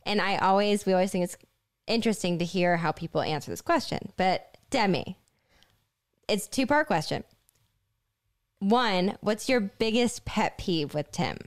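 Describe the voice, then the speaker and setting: A woman's voice: medium pitch, animated, normal speed. Giggly chatty woman interviewer. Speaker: interviewer asking couples questions. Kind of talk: casual chat.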